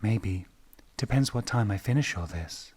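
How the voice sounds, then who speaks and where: A man voicing a weary young woman, speaking low and hushed. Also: expressive, measured pace, breathy edge. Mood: flat.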